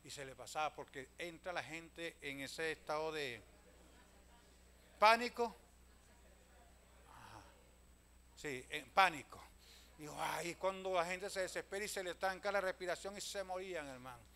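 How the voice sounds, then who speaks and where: A man, a pastor telling stories in a sermon, swinging from loud calls to hushed asides and often addressing listeners as brother. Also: on the high side, animated, unhurried, pauses often, a little hiss or hum. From Venezuela. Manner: storytelling preacher, swings from loud calls to hushed asides, keeps saying "hermano".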